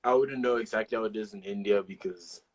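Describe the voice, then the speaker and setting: A man's voice: fairly low pitch, fast, rough recording. A young man being interviewed over a video call, answering in short, upbeat replies. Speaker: guest.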